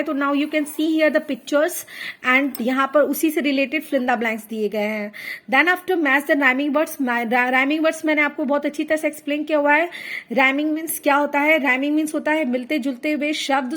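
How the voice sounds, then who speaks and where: A woman's voice: sits high, fairly bright tone. A woman in her thirties, a home teacher, patiently walking parents through a child's worksheet and spelling words out letter by letter. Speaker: teacher guiding parents through kindergarten homework. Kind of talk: Hindi-English homework walkthrough.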